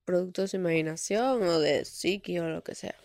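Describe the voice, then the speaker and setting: A woman's voice: on the low side, fairly quick, creaky, darkish tone, dry recording, studio quality. A woman co-hosting a casual podcast, answering briefly and reluctantly. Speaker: podcast co-host. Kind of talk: casual couple chat.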